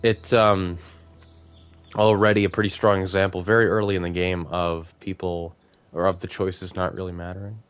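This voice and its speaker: A man's voice: low voice, flat delivery, moderate pace, clear, resonant tone, faint music behind. A man giving casual, rambling gameplay commentary as a let's play host, full of fillers and easy laughs.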